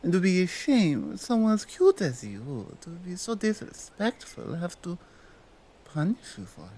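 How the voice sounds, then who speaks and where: Woman doing a bossy female krampus monster for asmr, nordic accent, really slow halting english, pitch swings around, stern but coaxing, bit of background noise. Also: very animated, mellow. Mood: stern, commanding. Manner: deliberate, commanding, halting non-native phrasing. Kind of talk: ASMR roleplay, slow dramatic monologue.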